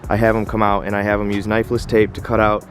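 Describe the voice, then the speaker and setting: A man in his twenties hosting a casual car vlog outdoors in the snow, a little out of breath from the cold, relaxed and full of fillers. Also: on the low side, fast talker, a little hiss or hum. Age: 20s. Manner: relaxed, filler-heavy, enthusiastic. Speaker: car channel host. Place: outdoors in snow beside a truck.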